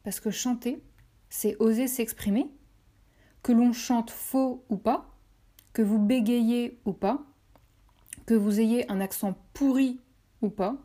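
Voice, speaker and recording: A woman's voice: on the high side, fairly even intonation, takes it slowly, pauses often, dark tone. A French woman hosting a podcast, speaking directly to listeners in an encouraging way and repeating phrases for emphasis. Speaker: podcast host. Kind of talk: motivational podcast talk.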